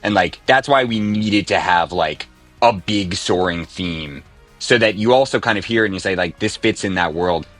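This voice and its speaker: A man's voice: low voice, normal speed, fairly bright tone, soft background music. A man, a composer, talking thoughtfully in a casual interview with many fillers. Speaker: composer guest.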